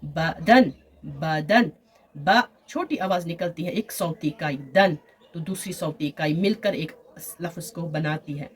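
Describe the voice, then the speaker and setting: A woman teaching an online Urdu grammar lesson over slides, stretching out example words and often checking in with "theek hai na?". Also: lowish voice. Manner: slow, drawn-out word examples, frequent "theek hai na?".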